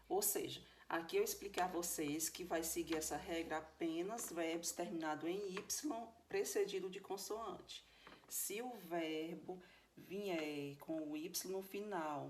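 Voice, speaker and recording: A woman's voice: lowish voice, slight background noise. A woman with a Brazilian Portuguese accent teaching English grammar in a recorded video lesson, explaining step by step and often checking that her students follow.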